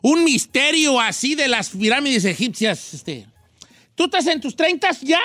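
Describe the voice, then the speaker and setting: A man hosting a comedic radio show with a folksy, rambling way of telling stories. His voice is bright and forceful. The studio sound is dry and close. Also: very high voice, big pitch swings, unhurried, no echo. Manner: folksy, joking, rambling storyteller.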